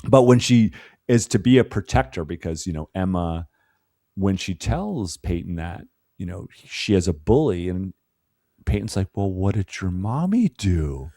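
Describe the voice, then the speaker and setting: A man's voice: deep voice, animated, moderate pace, warm tone, no room sound, clean studio sound. A man co-hosting a podcast, talking through a movie in a loose, profane way with lots of "you know" fillers. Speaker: podcast co-host. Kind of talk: casual film discussion.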